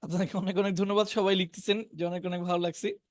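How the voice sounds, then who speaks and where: A man with a Bengali accent teaches an online spoken English class, slowly reading out English words and example sentences and giving each meaning. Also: sits high, fairly even intonation, no room sound. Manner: reads word lists slowly, pairing each English word with its meaning.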